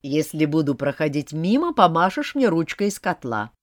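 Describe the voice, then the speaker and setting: Smug, mocking male demon from an audiobook , read by a woman; lively, swooping delivery. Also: low-pitched, normal speed, dry recording. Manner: mocking, dry teasing.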